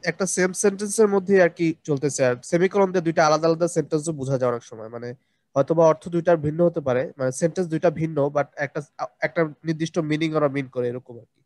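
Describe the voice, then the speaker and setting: A man speaks up as a student in an online class, rattling out a tentative answer at great speed. His voice sits a little high and sounds dry and close. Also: racing, darkish tone, no room sound. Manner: tentative, hedging explanation.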